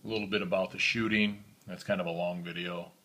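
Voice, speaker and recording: Low, bright-toned man reviewing a knife. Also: brisk. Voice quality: monotone, self-described. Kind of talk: casual product review vlog. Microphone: phone camera.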